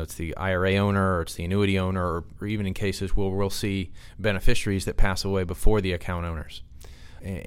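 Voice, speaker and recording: A man giving off-the-cuff expert advice as a podcast guest, halting and repeating words as he explains. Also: low voice, smooth. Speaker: podcast guest, financial consultant.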